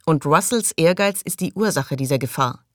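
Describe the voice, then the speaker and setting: A woman's voice: deep voice, lively intonation, normal speed, no room sound, studio quality. A woman reading an audiobook and voicing a suspicious, agitated man who accuses and raises his voice. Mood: bitter.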